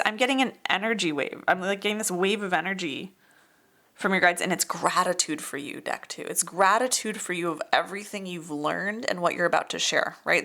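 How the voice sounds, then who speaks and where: Female tarot reader, low and gravelly, chatty, emotional, filler-heavy delivery. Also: fairly bright tone. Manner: gushing, emotional, spiritual; chatty with frequent likes and you knows. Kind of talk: pick-a-card tarot reading.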